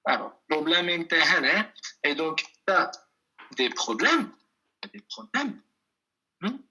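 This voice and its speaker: Slow, bright-toned patient language teacher. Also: male voice, on the high side, very animated. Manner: slow and patient, repeats phrases, calls on students by name. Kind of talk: online class teaching. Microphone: video call.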